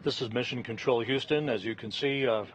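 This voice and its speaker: A man giving live launch commentary from mission control in a halting, deliberate, matter-of-fact way. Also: mid-range voice, fairly even intonation. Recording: dull broadcast audio, faint noise.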